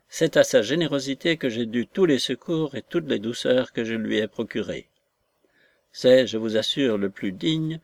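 A man's voice: mid-range voice, a little mellow, dry recording. A man reading the part of a poor, grateful father who is overwhelmed with emotion and pours out his thanks. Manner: effusive, emotional pleading.

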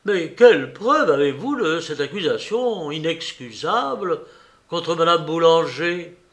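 A man's voice: a little high, animated, unhurried. A man playing a flustered court president who speaks as if choking. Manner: strained, breathless.

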